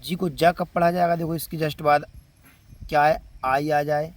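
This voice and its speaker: Male English tutor, Indian Hindi accent, slow drills, fairly high voice, birdsong outside. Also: level tone. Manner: slow, drawn-out word-by-word pronunciation drills. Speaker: English teacher. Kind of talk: spoken phonics lesson.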